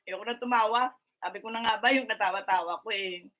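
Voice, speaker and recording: A woman's voice: medium pitch, fast talker, a bit bright. A woman hosting a casual livestream, teasing and bantering with her viewers and mixing in English phrases. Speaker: livestream vlogger greeting viewers. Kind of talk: casual live-stream chat.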